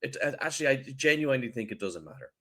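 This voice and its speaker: A man co-hosting a podcast, arguing his point in casual debate with wry, deadpan sarcasm. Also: medium pitch, very fast. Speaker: podcast co-host.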